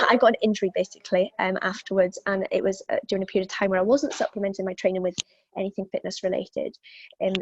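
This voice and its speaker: A young Welsh-accented woman from South Wales answers interview questions as a fitness instructor, thoughtful but full of fillers and restarts. Her mid-range voice has a darkish tone, and the lo-fi recording has no echo.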